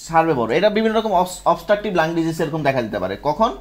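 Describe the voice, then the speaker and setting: Speaking fast with a fairly high, very animated voice, a man leads a medical class. He frequently tests his students and confirms they understand, while their answers come back in the background.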